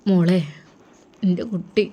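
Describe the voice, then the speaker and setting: A woman's voice: lowish voice, flat delivery, takes it slowly, dull audio. A grieving elderly father played by a woman answers in few, subdued words. His speech carries an in this storybook reading. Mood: weary.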